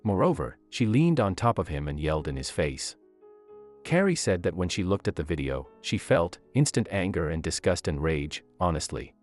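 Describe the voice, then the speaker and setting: Deep-voiced man narrating a dramatic story. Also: very animated, normal speed, soft background music.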